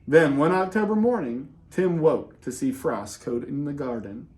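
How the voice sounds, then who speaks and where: A man with a slightly high voice reads a children's picture book aloud, animated and expressive. He uses dramatic pauses and keeps the delivery casual and conversational, tossing in offhand asides.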